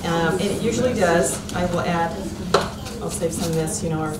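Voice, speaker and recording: An American woman giving an informal cooking demonstration in a folksy, unhurried way. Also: fairly low pitch, heavy background noise. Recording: echoey room, distant mic, loud kitchen clatter.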